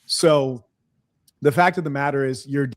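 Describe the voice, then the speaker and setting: A man's voice: mid-range voice, fairly even intonation, measured pace, no echo. Assertive, sardonic man, dry sound. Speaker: commentator. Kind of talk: opinionated commentary.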